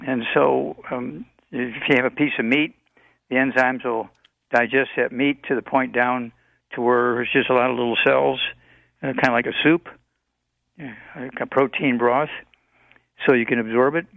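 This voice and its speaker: A man in his eighties giving rambling, halting health advice on a call-in radio show, with many fillers. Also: mid-range voice, steady tone, vocal fry, no room sound, narrow, tinny audio. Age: 80s.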